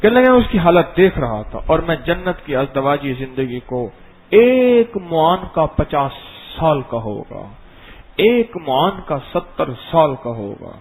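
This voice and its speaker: A middle-aged man giving a dawn religious lesson, telling stories and acting them out in an animated way. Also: a little high, rough recording. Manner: animated, acts out scenes and voices. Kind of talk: storytelling sermon.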